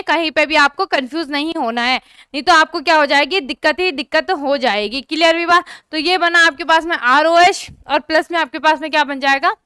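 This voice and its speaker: A young woman teaches a chemistry lesson online in a very high, bright voice. She keeps checking that her students are following along and asks them to comment. The sound is close and dry. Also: no echo.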